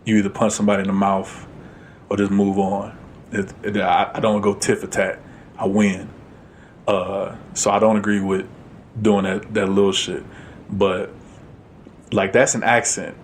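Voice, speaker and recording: A man's voice: fairly low pitch, little pitch movement, moderate pace, pauses often, slight background noise. A man co-hosting a podcast in casual chat, blunt and emphatic, swearing freely. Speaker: podcast co-host.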